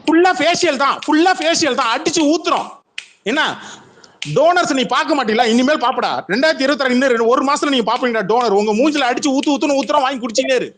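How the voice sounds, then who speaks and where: Fast, high-pitched taunting man. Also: fairly bright tone, a little hiss or hum. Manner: aggressive, taunting, profane. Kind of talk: heated online audio-room argument.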